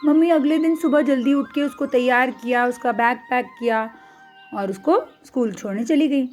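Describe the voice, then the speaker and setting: A young woman storyteller narrating a tale for children, slow, clear and expressive. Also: high voice, soft background music.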